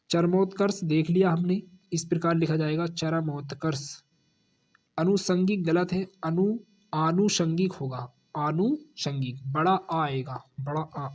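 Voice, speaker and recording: A man with a Hindi accent teaching a spelling lesson for exam students, repeating each corrected word and dropping low on the answer. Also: darkish tone.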